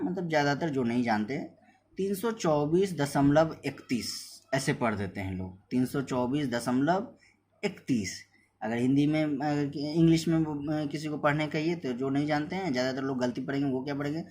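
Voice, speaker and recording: A man teaching a maths lesson, explaining step by step, repeating points and reading numbers out slowly. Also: fairly high pitch, a little mellow, slight background noise. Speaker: math teacher. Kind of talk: whiteboard lesson.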